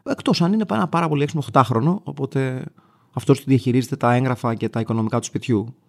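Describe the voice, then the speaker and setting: A man in his thirties from Greece, hosting a show and telling an everyday story in a wry, animated way, acting out the other people's lines. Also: medium pitch, creaky. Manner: wry, animated, acts out dialogue in a raised voice. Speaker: radio show host. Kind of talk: casual storytelling monologue.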